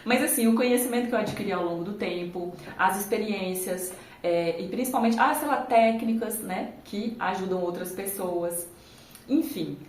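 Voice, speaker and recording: A woman's voice: mid-range voice, moderate pace, darkish tone, roomy sound, a little hiss or hum, low-quality recording. A woman talking casually to viewers in a vlog, recorded on a phone camera. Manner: chatty, conversational, addresses viewers directly. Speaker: YouTuber.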